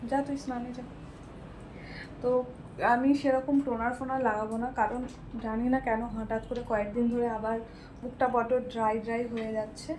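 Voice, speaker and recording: A woman's voice: fairly high pitch, little pitch movement, a little fast, pauses often, a little mellow. A young woman, chatting casually through her day at home and explaining each step as she goes. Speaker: vlogger. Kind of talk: casual vlog narration. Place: at home, kitchen and bedroom. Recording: roomy home room with household noise.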